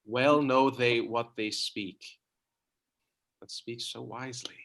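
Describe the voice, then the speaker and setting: An actor playing an earnest, tender young prince in love, speaking stage verse. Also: male voice, mid-range voice, takes it slowly, fairly bright tone.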